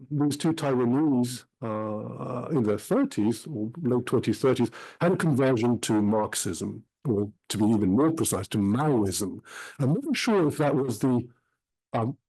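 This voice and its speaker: A middle-aged man who grew up in Switzerland, giving an academic talk about his book in a measured way with many filled pauses. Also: mid-range voice, lively intonation, dark tone, breathy edge, low-quality recording.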